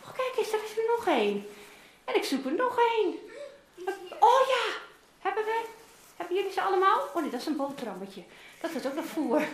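A children's Bible teacher, a woman, plays a loving older father who longs for his lost son in an interactive Bible role-play for kids. Her voice is high and lively, animated and coaxing as she speaks directly to the children. The room is roomy and echoing.

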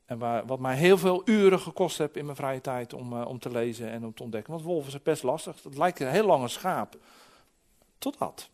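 A man in his forties preaching a sermon, telling stories lively and acting out voices, often restarting his words. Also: mid-range voice, normal speed. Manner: lively storytelling with acted-out voices; frequent restarts and repeated words.

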